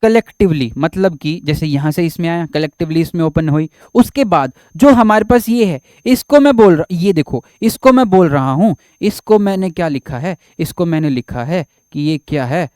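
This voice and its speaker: A man's voice: a little high, animated, moderate pace, few pauses, mellow, no room sound. A man teaching a biology lecture at a board, who repeats his own questions, answers them, and keeps reassuring his students.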